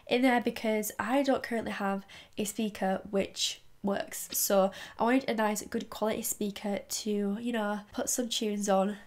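A woman's voice: medium pitch, fairly even intonation, measured pace. A woman talks straight to her viewers in a bubbly, chatty way, unpacking her gifts for a casual vlog. Her nose is stuffed up from a cold, so every word comes out thick and nasal. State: congested, blocked nose from a cold. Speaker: YouTube vlogger. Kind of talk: casual haul vlog chat.

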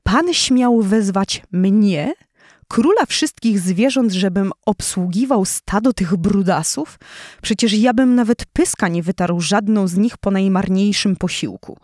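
A woman's voice: mid-range voice, animated, a little slow, few pauses, a little mellow, dry recording, clean studio sound, natural voice. Woman doing a haughty lion king. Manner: scornful, blustering, later awkward and hesitant.

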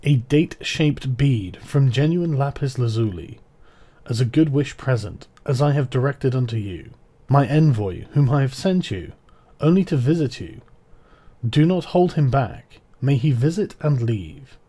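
A man giving a scripted recitation of historical letters, with a measured, formal delivery in short phrases. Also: mid-range voice, expressive, mellow. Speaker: reader of ancient texts.

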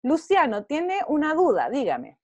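This high-voiced, lively visual arts teacher talks with a Chilean Spanish accent as she teaches young pupils online from her home via video call. Her pace is a little slow and her manner encouraging, with frequent "¿ya?" check-ins. No room sound comes through the video-call microphone.

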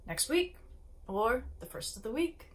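A woman reading the lines of a stubborn, blustering middle-aged father in a storybook reading, with gruff, emphatic promises. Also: on the high side, big pitch swings, a little slow.

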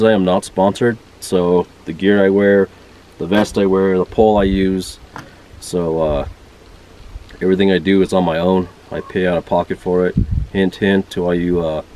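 A man casually signing off his fishing vlog outdoors, chatty and relaxed, with loose sentences. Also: low voice, a little hiss or hum, low-quality recording. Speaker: fishing vlogger. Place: outdoors by the water.

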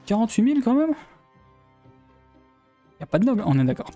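A man's voice: high voice, big pitch swings, a little fast, mellow, faint music behind. A man from Belgium giving live commentary on his strategy game, thinking aloud and often trailing off mid-sentence. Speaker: let's play gamer.

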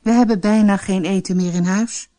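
A woman voicing a poor, gentle woodcutter father who pleads in worry in a storybook reading. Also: mid-range voice, fairly even intonation, normal speed, close to an everyday voice. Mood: worried. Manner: worried, pleading.

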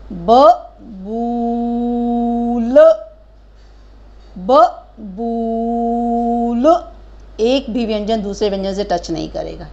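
A woman teaching a kindergarten Hindi lesson, stretching out each word slowly and asking gentle questions of young children. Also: mid-range voice, highs cut off. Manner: slow drawn-out syllables modelling words for children; patient questioning, addresses children as beta.

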